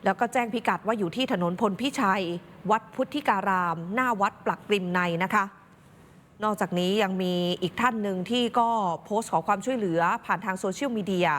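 A woman's voice: mid-range voice, a little fast, big-room sound. A woman anchoring the news, commenting expressively and speaking straight to the viewers. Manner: expressive, talks directly to viewers.

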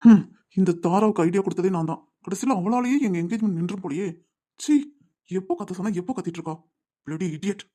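A woman's voice: medium pitch, fast talker, dark tone, close to an everyday voice. A woman doing a smug scheming groom. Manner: smug, sly asides. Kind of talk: animated web series voice acting.

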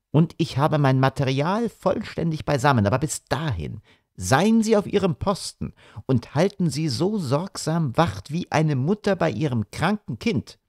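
A man's voice: on the high side, dry recording, studio quality, pitched above the performer's own voice, full character voice. A man voicing an intense, commanding male detective in an audiobook, with a grave, urgent delivery. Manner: grave, urgent, hushed to shouting. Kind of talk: audiobook character reading.

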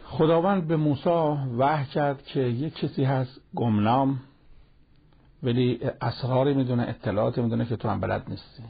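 Raspy, gravelly male Quran teacher. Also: mid-range voice. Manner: retells a story in plain colloquial speech, acting out the dialogue. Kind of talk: storytelling religious lesson. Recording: lo-fi television broadcast audio.

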